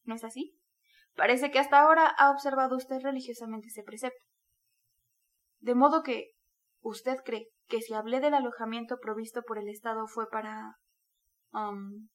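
A woman's voice: a little high, fairly even intonation, moderate pace, long pauses, fairly bright tone, natural voice. A woman reading the lines of a sly, chatty middle-aged male magistrate who keeps pressing in an ingratiating way.

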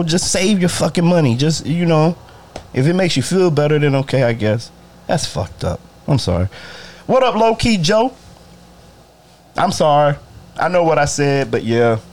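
A man who cuts hair talks casually and bluntly to viewers on a livestream, cursing freely and greeting them by name. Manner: profane, blunt, talks to viewers directly, swings between loud and low. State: bothered by allergies. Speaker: barber livestreaming to followers.

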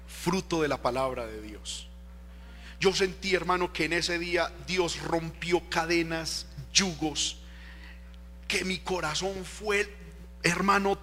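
A male pastor preaching a sermon in a church, swinging between loud impassioned cries and hushed personal storytelling. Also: fairly high pitch. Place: church sanctuary. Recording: echoey hall with faint hum.

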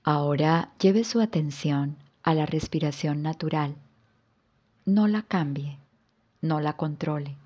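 A woman yoga instructor guiding a yoga nidra relaxation with soft, calm instructions. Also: sits low, slow, highs cut off.

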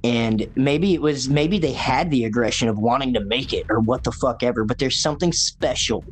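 A man's voice: mid-range voice, moderate pace, slight background noise. Brief: laid-back male podcast co-host, argumentative, mid-range voice. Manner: argumentative, swearing. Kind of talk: casual chat.

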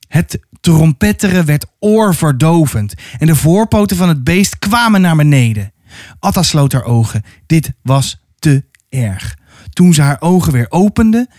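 A man reading a children's adventure book aloud in an expressive storytelling manner. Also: on the high side, no echo, studio quality. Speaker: storybook reader.

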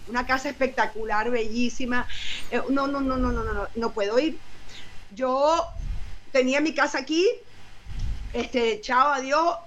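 A woman's voice: high-pitched, measured pace, long pauses, a bit bright. A woman, chatting animatedly as a guest and repeating words for emphasis. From Venezuela. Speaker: guest, singer and actress. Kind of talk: casual interview chat.

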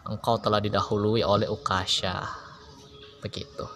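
A man preaching an Islamic lesson, explaining slowly with chatty asides. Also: on the low side, flat delivery, a bit bright. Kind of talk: casual sermon. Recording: music behind. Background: music.

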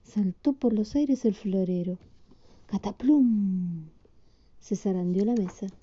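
A woman reads a picture book to a child, pausing to quiz them patiently. Her voice is very dark and mellow at an ordinary pitch. The recording is slightly dull and lo-fi. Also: slight background noise. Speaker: storyteller reading to a child. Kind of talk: picture book read aloud.

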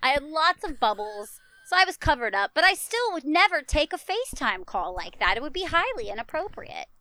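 A woman's voice: high voice, sing-song, a little fast, bright, forceful tone, no echo, poor audio. A woman co-hosting a podcast in casual, joking chat, swearing freely, recorded inside a small closet at home. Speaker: podcast co-host.

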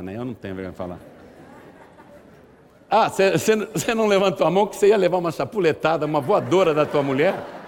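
A man preaching a sermon, firing rhetorical questions at the congregation. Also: a little high. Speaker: pastor. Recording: long hall reverb.

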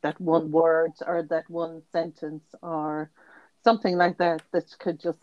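A woman interviewer from Ireland speaks in a slightly low voice. The sound is dry and close, and her questions come as casual conversation. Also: level tone, unhurried, no echo, highs cut off.

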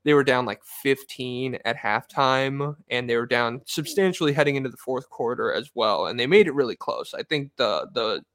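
A man's voice: medium pitch, moderate pace, hardly any pauses, fairly bright tone, no room sound, studio quality. A man co-hosting a podcast, chatting loosely about basketball with lots of fillers and the odd swear word. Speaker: podcast co-host. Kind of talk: casual basketball chat.

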